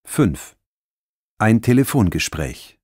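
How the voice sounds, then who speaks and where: A man's voice: fairly low pitch, big pitch swings, takes it slowly, darkish tone, breathy edge. A man reading scripted language-course announcements as an announcer.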